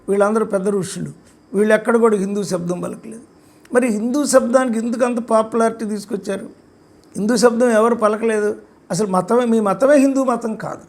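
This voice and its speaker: An older man giving an emphatic, repetitive spoken lecture about his own book. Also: high voice. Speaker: author discussing his book.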